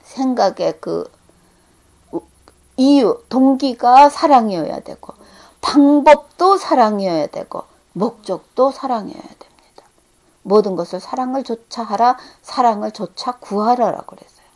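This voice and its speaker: High-voiced woman preaching a sermon. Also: lively intonation, a little slow. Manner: earnest, rising to emphatic peaks then dropping to hushed tones.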